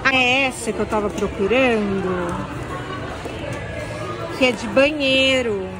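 Excited woman filming in a store. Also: a little high, slow. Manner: enthusiastic, exclaiming at displays. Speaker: vlogger. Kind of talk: casual shopping vlog. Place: large indoor store. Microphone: handheld phone camera. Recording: busy store with music and crowd noise.

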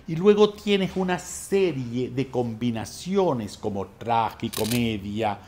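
Slow, measured male drama teacher. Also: medium pitch, animated, dark tone, slight background noise. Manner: measured, explanatory, stresses new points with rising emphasis. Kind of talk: master class lecture.

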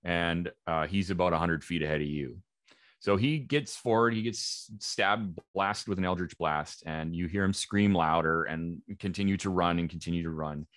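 A man narrating as game master of a tabletop game over a video call, unhurried with fillers. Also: sits low, fairly bright tone, no echo, studio quality.

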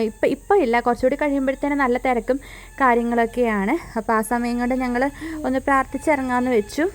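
A woman's voice: on the high side, slight background noise. A pregnant young woman narrating her day in a chatty vlog voice-over, full of fillers and asides. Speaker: vlogger.

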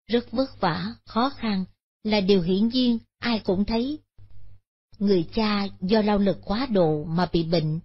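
A woman narrating a Buddhist moral story in a steady, solemn manner. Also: medium pitch, husky. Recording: dull lo-fi recording.

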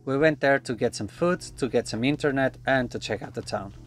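A man in his thirties narrating a sailing travel vlog in a relaxed, matter-of-fact voice-over. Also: medium pitch, brisk, over music. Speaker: sailing vlogger.

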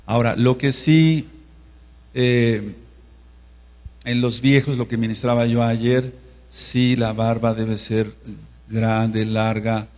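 A man from Mexico giving a teaching sermon as pastor, who checks in with the congregation and slowly spells out words. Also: medium pitch, a little mellow. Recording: reverberant hall with mains hum.

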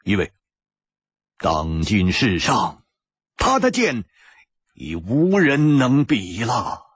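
A tormented young assassin, acted by a male storyteller, torn by loyalty and halting over his words. His voice is husky and breathy, and the dry recording sounds dull and muffled. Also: lowish voice, huge pitch swings, no echo, full character voice. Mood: grim. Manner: halting, stammering. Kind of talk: pingshu storytelling.

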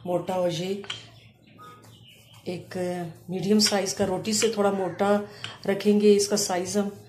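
A woman explaining a home cooking recipe step by step, pausing often as she works in a kitchen. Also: medium pitch. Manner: calm step-by-step explaining with frequent hesitations. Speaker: cooking channel host. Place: home kitchen counter, indoors. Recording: echoey room with faint ambient noise.

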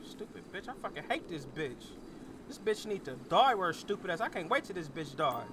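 Man playing a defensive, animated teenage son, noisy audio. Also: high-pitched, a little fast. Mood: resentful. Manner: stammering, repetitive denials. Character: defensive, resentful teenage son dodging his mother. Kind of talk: improvised game role-play.

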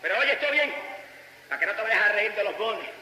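Fervent Puerto Rican preacher, echoing hall. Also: male voice, sits high, lively intonation, fairly quick, a little hiss or hum. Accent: Puerto Rican Spanish. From Puerto Rico. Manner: impassioned, bursts into shouted praise between stretches of storytelling. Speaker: evangelist preacher. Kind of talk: fervent sermon. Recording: echoey hall with long reverb.

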